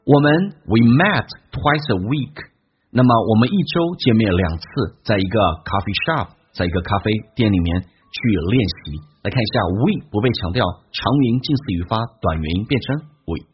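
A man runs an English listening and pronunciation lesson in a quick, explanatory way, slowing down to model phrases. His voice sits on the low side but swings widely in pitch. The recording is a little dull, with a faint hiss behind him. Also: big pitch swings. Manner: brisk, explanatory, demonstrates phrases slowly. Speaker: English teacher.

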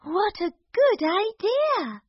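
A woman voicing a sweet, trusting young princess in a slow storybook reading. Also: extremely high pitch, big pitch swings, no echo, lo-fi sound, voice pushed up, exaggerated voice. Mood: eager.

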